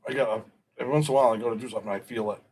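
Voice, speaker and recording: A middle-aged stream host chats rapid-fire about football, casual and opinionated, rambling and correcting himself often. His medium-pitched voice is steady and a little mellow, with slight background noise.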